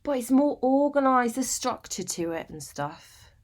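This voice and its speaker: In a high, animated voice at a measured pace, a monologue performer with a British accent delivers a confessional, conversational dramatic piece. Her character is lonely, sleep-deprived and eccentric, matter-of-fact with wry humour about her bleak life, and she talks chattily and colloquially, self-deprecating and using tag questions.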